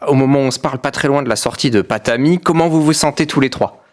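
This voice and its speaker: A man's voice: mid-range voice, fast talker. A man hosting a radio interview, asking friendly, conversational questions. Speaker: radio host.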